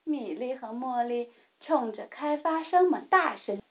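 A very high-pitched woman reads a children's picture book aloud at an unhurried, gentle pace. The recording is narrow and tinny, as if captured over a phone. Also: expressive. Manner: slow, gentle, clearly paced reading. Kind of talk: storybook read-aloud for children.

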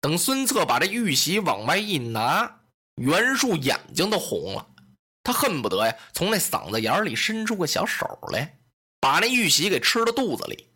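A man telling a traditional historical story in animated, colloquial narration. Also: fairly high pitch, moderate pace, husky.

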